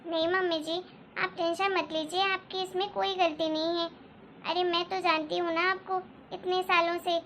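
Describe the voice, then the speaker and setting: A woman's voice: extremely high pitch, level tone, normal speed, fairly bright tone, a little hiss or hum. A woman voicing a sensible elder daughter-in-law who reassures and soothes in a cartoon story. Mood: reassuring. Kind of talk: Hindi cartoon story dialogue.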